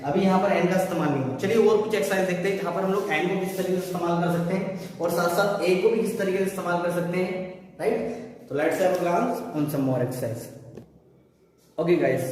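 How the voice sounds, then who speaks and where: A man's voice: high voice, darkish tone. A man teaching an English grammar lesson, explaining step by step and asking the class questions that he answers himself. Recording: echoey room picked up from far off.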